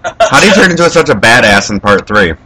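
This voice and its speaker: Relaxed man chatting about a movie. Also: mid-range voice, brisk, crowd noise. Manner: relaxed, conversational, adds plot details. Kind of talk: casual chat.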